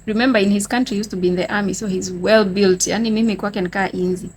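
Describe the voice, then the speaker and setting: Speaking fast with a mid-range voice, a young Kenyan vlogger shares a dramatic personal tale with her viewers, whom she addresses as "guys." Her Kenyan-accented storytelling is lively and dramatic, moving between Swahili and English in a casual storytime vlog, with a little background noise.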